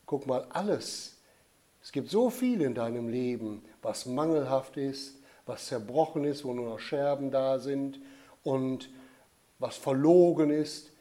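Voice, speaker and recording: A man voicing a gentle, patient holy child in a storybook tale, speaking softly and calmly. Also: measured pace, lightly acted. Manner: soft, low, calm and explaining.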